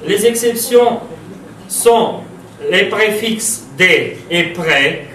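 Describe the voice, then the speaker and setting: A male French teacher with a Romanian accent giving a lesson on spelling rules, in a slow, halting way with many hesitations, spelling out letters and repeating words. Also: sits high, expressive, bright, forceful tone. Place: classroom. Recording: very echoey classroom, voice from far off.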